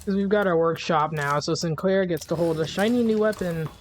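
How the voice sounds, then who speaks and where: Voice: medium pitch, a little fast. A streamer giving casual, jokey commentary while playing a game, easygoing and laughing often.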